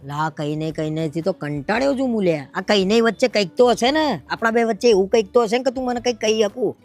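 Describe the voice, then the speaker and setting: A woman's voice: medium pitch, fast, a little mellow, faint music behind, natural voice. A woman playing an exasperated husband in a comedy skit, bickering and pleading with his wife. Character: exasperated husband, newly made society chairman.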